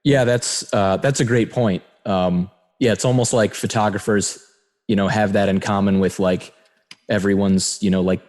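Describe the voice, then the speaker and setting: A man's voice: on the low side, steady tone, moderate pace, darkish tone. A man hosting a podcast, chatting casually with many fillers and easy laughter. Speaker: podcast host.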